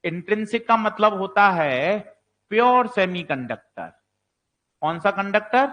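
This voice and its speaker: A man's voice: sits high, animated, measured pace, fairly bright tone. A man teaching exam-prep physics, asking questions and answering them himself, sometimes playing a doubting student. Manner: plays the student voicing doubts.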